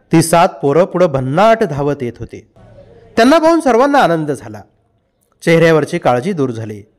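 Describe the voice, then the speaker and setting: Brief: male narrator reading a novel aloud, high, animated delivery. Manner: expressive storytelling.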